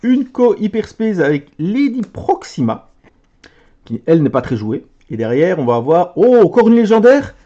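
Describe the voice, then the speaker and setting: A man chatting casually as he opens card packs for his video, letting out excited exclamations over each card. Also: high voice, normal speed, dull audio. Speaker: card game video creator. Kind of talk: casual card pack opening commentary.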